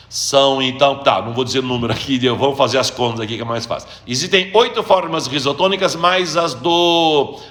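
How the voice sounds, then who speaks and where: A man's voice: fairly high pitch, pushed and bright, roomy sound. A man teaching grammar on a live stream, answering viewers' questions, greeting them by name, and thinking aloud as he looks things up. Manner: explains step by step, checks understanding. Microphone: phone or computer during a live stream.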